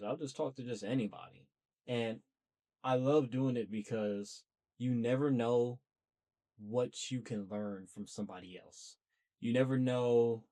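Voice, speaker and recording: Talking to camera in a relaxed solo monologue, a young podcast host discusses starting his show at length and with real earnestness. His voice is mid-range and darkish, and his manner is chatty, talkative and self-motivating.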